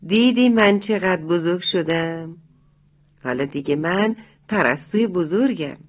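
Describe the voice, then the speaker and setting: A storyteller voicing a small swallow chick who boasts excitedly about having grown up. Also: mid-range voice, close to an everyday voice. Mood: boastful. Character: little swallow chick, proud of growing up. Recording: tinny phone-like lo-fi sound.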